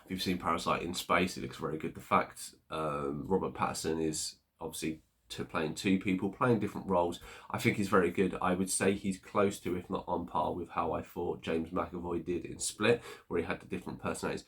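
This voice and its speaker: A man with a notably deep, low-pitched voice talks through a film he has watched. His delivery is casual and unscripted. He often stops on filler sounds while he works out what to say next. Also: level tone. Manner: unhurried, thinking aloud with many filler pauses. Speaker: movie reviewer. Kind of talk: casual spoken movie review.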